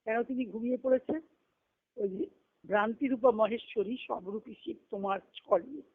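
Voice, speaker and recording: A woman spiritual teacher gives a reflective, explanatory devotional discourse with recited scripture, posing questions and then answering them. Her voice is on the high side at a moderate pace, with no room sound. It comes over a narrow, tinny phone conference line.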